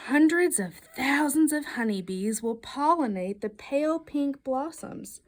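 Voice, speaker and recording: A woman with a high, animated voice reads a picture book aloud to children, delivering the story expressively and emphatically with playful questions.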